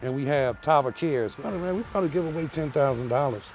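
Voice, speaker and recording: Man, 60s, tells stories with easy laughs, slightly high voice, music bed behind. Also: fast talker. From United States. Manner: laughing, animated storyteller. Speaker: interviewee, homeowner. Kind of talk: casual storytelling during a house tour.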